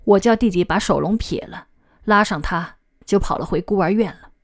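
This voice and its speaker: Measured woman reading an audiobook. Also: medium pitch. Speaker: audiobook narrator. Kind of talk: scripted audiobook narration of documentary literature.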